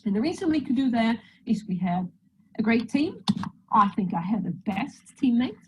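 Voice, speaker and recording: Speaking in a fairly high, sing-song voice that is a little mellow, a woman from Sweden delivers a friendly, joking guest presentation at a moderate pace, sliding through it with a Swedish accent. She is on a video call microphone. The recording is rough, with a little hiss or hum.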